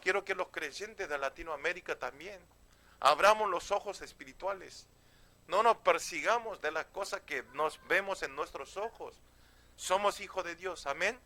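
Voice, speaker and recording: A male pastor preaching a sermon, often pausing to ask "¿sí?" and calling out "Amén". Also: sits high, bright, forceful tone. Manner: emphatic, often asks "¿sí?" and "Amén".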